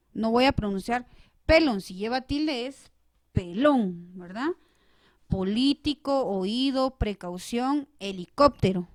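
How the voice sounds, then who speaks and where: Female teacher for a recorded grammar lesson: clear and emphatic, a touch high, dry booth-like sound. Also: dry recording. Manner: clear, emphatic, stresses syllables when giving examples.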